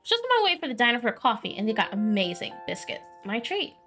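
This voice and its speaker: A woman's voice: on the high side, wildly swooping pitch, fast, sharp tone, soft background music, heavily acted. A woman voicing a friendly, chatty small-town young woman with a folksy, theatrical manner. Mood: teasing.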